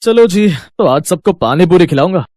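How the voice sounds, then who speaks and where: A man's voice: sits high, normal speed, no echo. A man doing a cheerful teasing young brother. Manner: eager, teasing, lively. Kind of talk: cartoon storybook voice acting.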